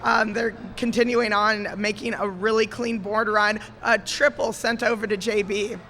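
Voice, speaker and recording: A woman calling a live game match at a gaming expo, excitable and quick to laugh, her voice strained from cheering. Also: medium pitch, slight background noise. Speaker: esports commentator.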